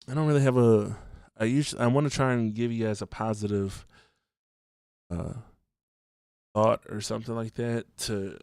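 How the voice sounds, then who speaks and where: Recorded dry at studio quality, a man with a fairly low, darkish, clean voice hosts his podcast by himself. He has just woken up at home, sounds slightly stuffed up from allergies, and talks casually with lots of ums and restarts.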